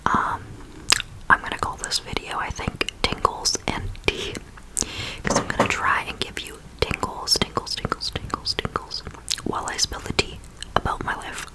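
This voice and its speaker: A woman speaking in a soft, breathy ASMR whisper, telling a rambling personal story and slowly repeating words and phrases. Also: low-quality recording. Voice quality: whispery, mostly unvoiced, with creaky edges. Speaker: ASMR video host.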